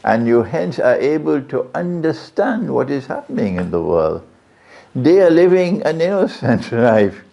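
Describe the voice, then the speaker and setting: At a lecture venue, a male Islamic preacher gives a religious talk to a live crowd, putting questions to them and returning to key phrases. His medium-pitched voice is sing-song and dark, with vocal fry, at a measured pace. The recording is dull and lo-fi.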